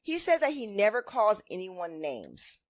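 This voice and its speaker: Blunt, animated woman in casual chat. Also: mid-range voice, measured pace, dry recording, clean studio sound. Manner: blunt, emphatic, sassy. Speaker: co-host. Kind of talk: casual opinionated recap chat.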